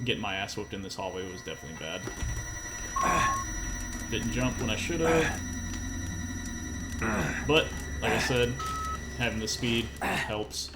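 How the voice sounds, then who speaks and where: A man's voice: lowish voice, unhurried, pauses often, very noisy. A man giving casual, informal live playthrough commentary as a game developer and streamer, with some swearing. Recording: loud game music behind.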